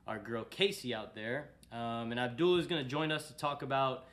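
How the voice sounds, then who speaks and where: A man hosting a casual podcast. He is upbeat and quick to joke, and he talks in easy slang at a middle pitch. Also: fairly bright tone. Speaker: podcast host.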